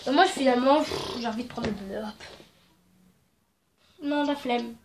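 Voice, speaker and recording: There's a crowd audible behind this young craft vlogger, whose voice sits a little high and moves at a moderate pace. Congested from a cold, she chats and rambles playfully while teaching a craft, recording indoors at home with her phone camera.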